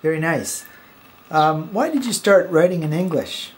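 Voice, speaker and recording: A man's voice: fairly high pitch, animated, measured pace. A man hosting an interview, welcoming the guest and asking short polite questions. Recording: echoey room with faint noise.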